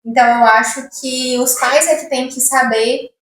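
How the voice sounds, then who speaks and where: A woman's voice: sits high, fairly even intonation, normal speed, fairly bright tone. A woman in casual podcast chat, giving firm opinions and telling stories from her own childhood. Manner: opinionated, tells personal anecdotes. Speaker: podcast co-host. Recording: echoey room.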